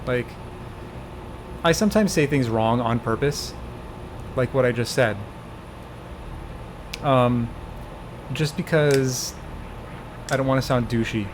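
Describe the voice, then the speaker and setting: A relaxed man in his twenties talks a friend through a game route one step at a time, often breaking into laughter. His pitch sits in an ordinary middle range. A steady hum of air conditioning runs clearly under the voice. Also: slow pace, long pauses. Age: 20s. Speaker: streamer coaching a speedrun. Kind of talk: casual gameplay chat.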